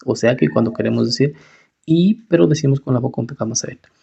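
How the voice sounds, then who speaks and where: A man teaching English pronunciation, slowly repeating each word several times. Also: mid-range voice, creaky, dark tone, husky. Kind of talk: pronunciation lesson. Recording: dull, lo-fi recording.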